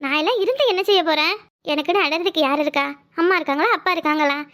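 A woman's voice: high voice, very fast, a bit bright. A woman with a Kanyakumari Tamil accent voicing a stubborn, devoted young woman in a cartoon, earnestly brushing off worry.

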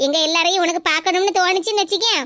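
Brief: bright, fussing middle-aged cartoon woman, voiced by a woman, Kanyakumari Tamil accent. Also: very high-pitched, steady tone, rapid-fire. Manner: fussing, caring. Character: caring middle-aged woman visiting relatives.

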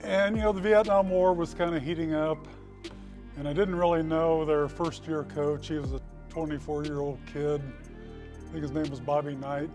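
A man near seventy speaks into a podium microphone in a school hall, his voice pitched a little high for a man. He tells stories from his youth in an easygoing, folksy way, slipping in dry, understated jokes. Faint music sits far behind him. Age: 60s. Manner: folksy storytelling with dry humor. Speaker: hall of fame inductee. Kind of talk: acceptance speech. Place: school hall with brick walls.

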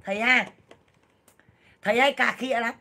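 A woman in her thirties sells and vlogs on a casual livestream, talking to viewers in a loud, blunt, jokey way full of exclamations. Her pitch is fairly high and her pace moderate.

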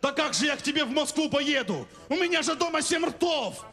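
A man playing an excitable, simple village peasant in a stage comedy sketch, loud and folksy. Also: very high voice, fairly quick, full character voice. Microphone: handheld microphone. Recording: echoey hall, music behind.

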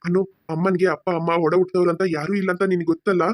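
A woman voicing a gentle, patient father in a cartoon who calms his family. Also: fairly low pitch, lightly acted. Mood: soothing. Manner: soothing, quick talker. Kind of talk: cartoon voice acting.

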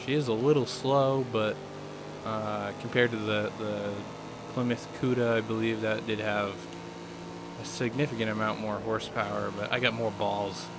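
Hoarse from a cold, this young YouTuber delivers flat, creaky commentary at a moderate pace in a fairly low voice. He's casually playing a racing game, leaning on lots of fillers, with loud car sounds from the game underneath.

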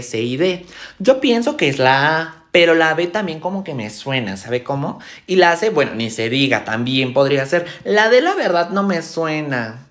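A bossy, vain teenage schoolgirl with a Mexican accent, as a man puts her on, drawling her words with dramatic sighs and endless fillers. Her pitch swoops up and down all the time. The sketch is recorded in a roomy, echoey space. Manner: drawling, exaggerated valley-girl fillers and sighs. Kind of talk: comedy sketch. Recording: roomy echo.

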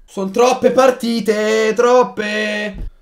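Gravelly man griping through gameplay commentary. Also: sits high, level tone, extremely slow. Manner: exasperated outbursts and muttered swearing; talks quietly late at night. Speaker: gaming YouTuber.

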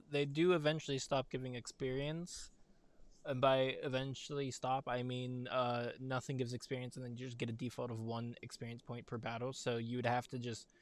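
A man's voice: medium pitch, smooth. A man hosting a gaming session, chatting casually as he plays. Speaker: gaming host. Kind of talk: casual chat over gameplay. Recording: game music behind the voice.

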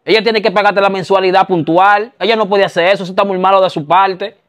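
A man playing a quick-tempered husband who gets worked up and keeps repeating himself. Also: high voice, fairly even intonation, a bit bright. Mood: agitated. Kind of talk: amateur drama acting.

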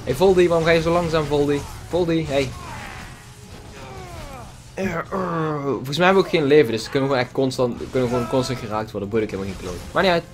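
A gaming YouTuber with a slightly high, quick voice provides casual let's play commentary. He's chatty and jokey, teasing and mocking the game's characters.

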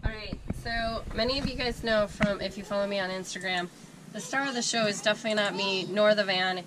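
A woman in her thirties with a smoker's rasp from a cold, giving a casual, chatty explanatory vlog tour inside a van. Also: mid-range voice, steady tone, fairly quick. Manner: informal, chatty, self-deprecating asides. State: congested with a cold. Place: inside a small camper van, doors open. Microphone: camera mic within a few feet. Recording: noisy handheld action-camera audio inside van.

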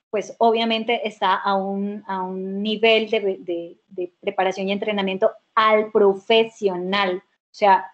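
A woman teaching a dubbing workshop, answering questions emphatically and repeating key words. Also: medium pitch. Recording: muffled video call audio.

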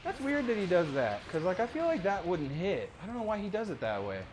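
A man commentating live over his own ranked fighting game matches, excitable and profane, dropping to mutters and then yelping at big moments. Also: high-pitched, fairly quick, a little hiss or hum. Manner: excitable, swings between mutters and sudden yelps; profane trash talk at his opponent. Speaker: gaming streamer. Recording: game music loud behind voice.

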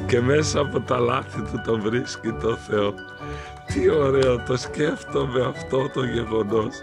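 Male priest, animated storyteller, gravelly, pitch rises and falls a lot, music under him. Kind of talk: storytelling sermon.

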